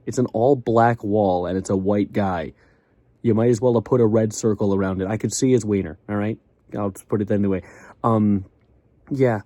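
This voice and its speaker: A man's voice: medium pitch, mellow, dry recording. A young man talking casually to camera at home, rambling and sarcastic as he jumps between topics. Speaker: vlogger. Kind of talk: casual comedic monologue. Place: small bedroom with acoustic foam.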